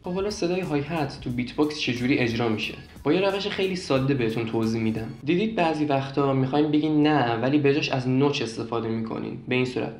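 A young man calmly explaining beatbox technique step by step, repeating points and demonstrating as he goes. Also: mid-range voice, echoey room. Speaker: beatbox teacher.

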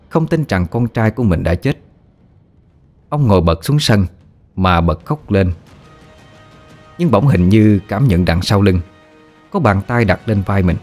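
A man narrating a ghost story in a steady, dramatic way. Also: lowish voice.

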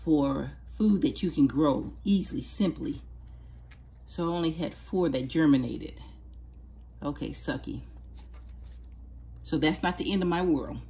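Working with her hands in her sunroom, a home gardener shows how to start seeds, explaining things in a patient, chatty, homey way. Her voice sits low with a darkish tone.

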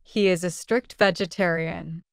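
A woman reading short English practice sentences aloud in an even, deliberate way. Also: lowish voice, gravelly, smooth, no echo, studio quality.

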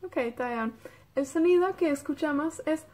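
A woman's voice: sits high, measured pace, dark tone. A woman from Wales with a North Welsh accent, teaching a beginner Welsh lesson in Spanish, patiently checking in with her students and drilling words.

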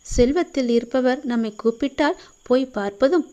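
Woman, devotional address, gentle, reassuring, warm mellow tone, slightly high pitch. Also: moderate pace, lo-fi sound. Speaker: devotional message reader. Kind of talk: devotional address spoken as a deity's message.

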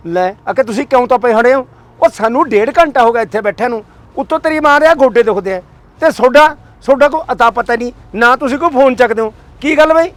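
A man's voice: very high-pitched, brisk, a bit bright, dry recording. An actor with a Punjabi accent playing an older father who complains sarcastically at his son and wife. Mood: complaining. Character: sharp-tongued father, impatient and sarcastic.

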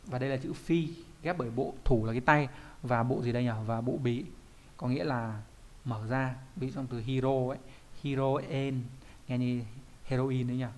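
A man's voice: mid-range voice, steady tone, normal speed, a little mellow. A man, a Japanese teacher explaining kanji in an online lesson, often asking questions and answering them himself.

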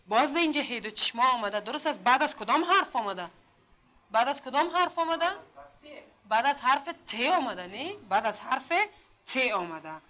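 A woman with an Afghan Dari accent teaching a literacy class. She sounds out letters and syllables slowly, asks the class questions again and again, and praises their answers often. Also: high voice, sharp tone. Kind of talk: classroom lesson.

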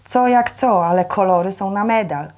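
A woman's voice: mid-range voice, moderate pace, a little mellow, natural voice. Woman reading a chatty, bustling aunt in a storybook. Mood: eager. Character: bustling middle-aged aunt, chatty mother.

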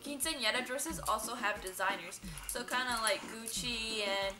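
Filmed from a camera several metres off, this vlog host, a young woman working in an indoor dress shop, gives casual explanatory tips. Her voice is a little high and moves at a moderate pace. Music plays in the background, and the distance makes the sound roomy.

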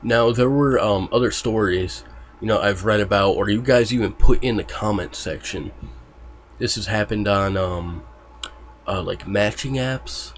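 Man, low voice, casual vlog talk, profane, filler-heavy. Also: unhurried, slight background noise. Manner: loose and profane, full of fillers. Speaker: YouTuber warning about online scams.

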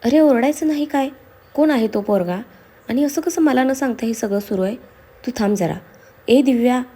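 A woman's voice: mid-range voice, brisk, dark tone, close to an everyday voice. A woman voicing a hot-headed, playful young husband in a storybook reading. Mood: outraged. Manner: blustery and teasing.

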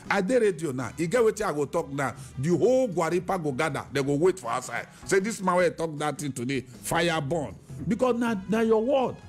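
A man hosting a radio talk show in Pidgin, half singing his lines, then dropping to a low murmur. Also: a little mellow.

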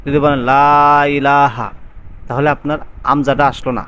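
A man teaching the call to prayer, explaining pronunciation rules and chanting the words slowly and drawn out. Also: mid-range voice, level tone, fairly bright tone. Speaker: azan teacher. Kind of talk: recitation lesson. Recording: dull lo-fi sound, faint background noise.

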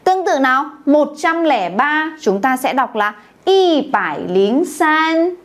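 A woman's voice: high-pitched, sing-song, slow. A woman teaching a beginners' Chinese class, asking the class questions and having them repeat words aloud. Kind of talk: classroom language lesson.

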